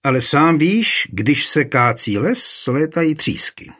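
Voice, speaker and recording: A man's voice: fairly high pitch, sing-song, a bit bright, voice pushed up. Guy reading radical preacher, bold, a bit mocking. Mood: challenging. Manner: challenging, proverb-quoting.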